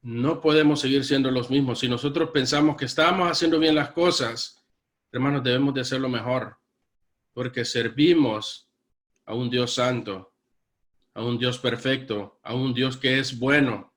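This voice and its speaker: A man's voice: medium pitch, moderate pace, fairly bright tone. A man preaching a sermon as pastor, earnest, repeatedly addressing his congregation as brothers. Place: church.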